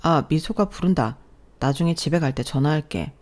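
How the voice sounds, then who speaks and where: Brief: gentle apologetic husband, read by a woman, radio story. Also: low-pitched, normal speed, natural voice.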